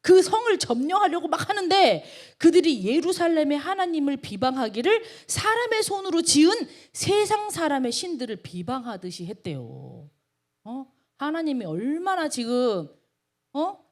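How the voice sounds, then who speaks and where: A woman's voice: high-pitched, normal speed. A woman pastor preaching a sermon to a college group. She keeps firing rhetorical questions at her listeners. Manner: emphatic, with constant rhetorical questions to the audience; lively, emphatic preaching with sudden rises.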